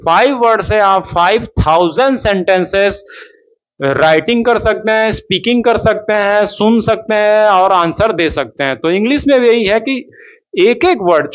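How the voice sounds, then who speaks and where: Guy teaching english in hindi, kinda high pitched, muffled lo-fi sound. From India. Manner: slow, drawn-out English example sentences. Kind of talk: spoken English lesson in Hindi. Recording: dull lo-fi sound.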